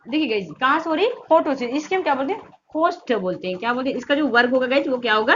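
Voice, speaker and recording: A woman's voice: high voice, fairly bright tone, muffled recording, slight background noise. A woman teaching Hindi grammar for competitive exams. She keeps asking her students questions, answers them herself, and draws out the vowel sounds to show how they are made. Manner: repetitive call-and-response questioning; drawn-out demonstration of vowel sounds. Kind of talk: exam-prep grammar lesson.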